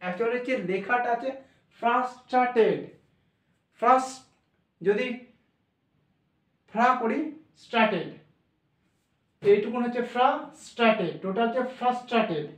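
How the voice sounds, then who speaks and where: A male teacher explains English pronunciation, spelling words out and repeating each sound letter by letter in a repetitive drill. His voice is extremely high-pitched and moderately paced, and he sounds far from the mic in an echoey room.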